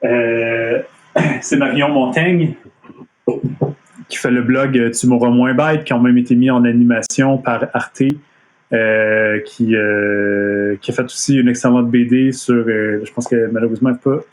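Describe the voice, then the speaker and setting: Montreal French man presenting from home, mid-pitched, casual, lots of hesitations. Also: fairly even intonation, measured pace. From Quebec. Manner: hesitant, many fillers and restarts. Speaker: comic artist giving a talk. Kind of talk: casual live-streamed presentation. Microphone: computer mic on a video stream.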